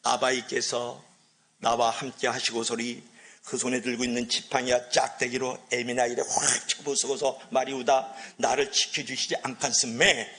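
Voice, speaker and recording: A man voicing a psalm recital in a Hamgyong dialect, slow and drawn out. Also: medium pitch, little pitch movement, pushed and bright. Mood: earnest.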